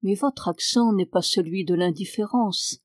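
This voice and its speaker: Une lectrice faisant un homme calme et grave. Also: female voice, medium pitch, no echo, studio quality, close to an everyday voice. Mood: gentle. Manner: soft, measured, compassionate. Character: calm, authoritative man, gentle seer. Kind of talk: audiobook reading.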